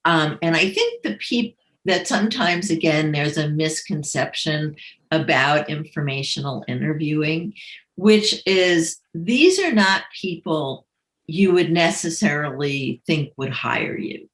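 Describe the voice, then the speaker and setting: A woman with a New York accent, a career coach answering questions in a relaxed, conversational way with frequent ums. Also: low-pitched, measured pace, echoey room. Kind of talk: live Q&A advice session.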